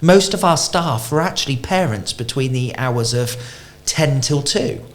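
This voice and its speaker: A man's voice: medium pitch, a little slow. A man, a guest on a business podcast, chatting casually and acting out quotes as he tells stories. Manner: animated storyteller, acting out quotes. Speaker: franchise company expert guest.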